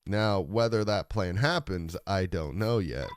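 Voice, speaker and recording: A man talks through a live game stream, unhurried and rambling to his chat. His voice sits very low and comes out deep and raspy from a rough throat. The sound is dry and close, with no room around it. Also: very animated, no echo, faint music behind. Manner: rambling, humming along while playing. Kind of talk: live gameplay commentary.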